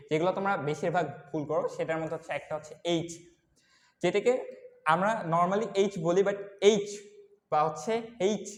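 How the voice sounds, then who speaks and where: A young man, teaching an English lesson to kids. He explains slowly and repeats the letters one by one. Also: high voice. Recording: echoey room with long reverb.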